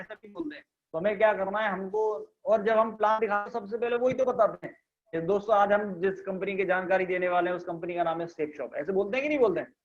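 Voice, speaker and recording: A man's voice: sits high, lo-fi sound. A man leading an online sales training session, explaining step by step and checking that listeners understand. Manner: instructive, repeats points and asks if understood.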